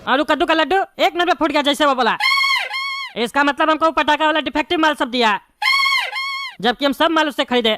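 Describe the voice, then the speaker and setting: Actor doing a bald cartoon neta, high squeaky voice, always yelling threats, music under it. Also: brisk, pauses often, close to an everyday voice. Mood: ranting. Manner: angry, threatening rants. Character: bald blustering male politician, hot-tempered. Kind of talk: cartoon voice acting.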